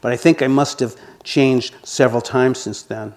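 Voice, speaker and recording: Older guy reading the part of a polite little girl from a storybook, all stammery and unsure of herself, his voice pretty much his own, mid pitch. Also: fairly even intonation, normal speed, a little mellow, close to an everyday voice. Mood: flustered. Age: 60s. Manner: hesitant, stammering.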